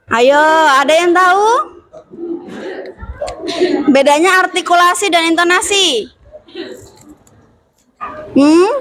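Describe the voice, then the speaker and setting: A woman's voice: high-pitched, a little hiss or hum. A woman teacher in a classroom, explaining steps to her students and teasing them with questions. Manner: lively, asks the class questions and teases. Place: school classroom.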